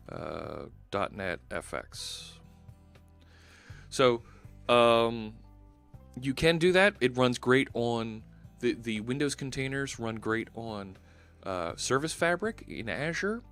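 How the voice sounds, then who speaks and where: His voice is mid-range, fairly bright and clean as this Philadelphia-accented man in his forties streams himself coding. Speaking into a headset indoors at his home studio, he keeps the tone casual and thinks aloud with many fillers.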